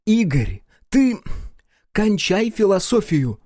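A man voicing an exasperated, sharp-tongued divorced mother in an audiobook, talking in a raised, indignant, sarcastic way. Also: on the high side, sing-song, a little slow, no echo, clean studio sound, pitched above the performer's own voice. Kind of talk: audiobook character voice.

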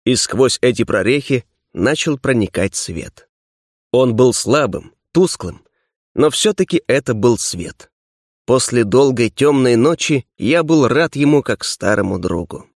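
Male narrator, mid-pitched, measured pacing with dramatic pauses, dry studio sound. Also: lively intonation, no room sound. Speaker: audiobook narrator. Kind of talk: scripted first-person narration.

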